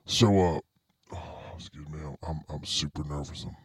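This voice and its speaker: A man playing a nervous anonymous army private whose voice is disguised by a voice changer, halting and stammering with many ums and uhs as he tells his story. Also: breathy edge, no room sound, studio quality, full character voice. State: nervous, sweating. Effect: voice changer making the voice very deep. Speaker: anonymous caller telling a story.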